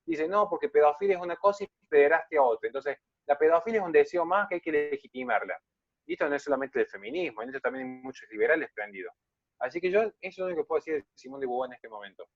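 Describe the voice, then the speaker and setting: A man's voice: on the high side, lively intonation, very fast, no echo, muffled recording. A man giving an emphatic, polemical online lecture and answering questions.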